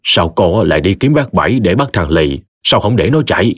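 A man's voice: low-pitched, sing-song, moderate pace, husky, no room sound, studio quality, full character voice. Guy doing an old village man asking stuff, firm. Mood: puzzled. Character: village elder, steady and firm.

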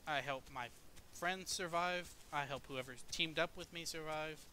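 Bright-voiced man explaining a game. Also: fairly high pitch, a little slow, a little hiss or hum. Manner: explains step by step, laid-back and profane. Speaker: gaming video host. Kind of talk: casual gameplay commentary.

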